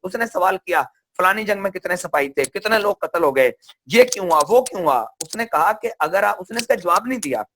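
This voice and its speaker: A man's voice: sits high, bright, forceful tone, a little hiss or hum. A man from Pakistan giving a motivational seminar talk, asking questions and answering them himself. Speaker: seminar speaker.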